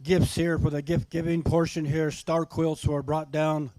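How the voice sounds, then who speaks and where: A middle-aged or older man working as a powwow emcee, calling names and making announcements in a folksy, unhurried way, often repeating himself. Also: fairly high pitch, level tone, warm tone, no room sound, rough recording. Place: live microphone at a powwow event.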